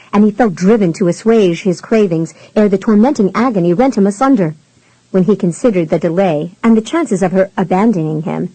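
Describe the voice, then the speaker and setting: Woman narrator for a romance audiobook: mellow, measured, close and dry. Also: mid-range voice, no echo, rough recording.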